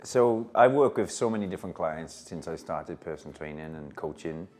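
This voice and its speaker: Male, 30s, Welsh Valleys accent, low pitch, jokey and teasing in casual interview chat. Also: lively intonation, normal speed, darkish tone. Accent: South Wales Valleys Welsh. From South Wales. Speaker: body transformation coach.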